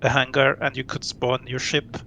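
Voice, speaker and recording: Gravelly Swiss man in his late thirties. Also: medium pitch, a little hiss or hum. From Switzerland. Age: late 30s. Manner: relaxed, thoughtful, laughs often, pauses to recall. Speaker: guest. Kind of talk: casual interview.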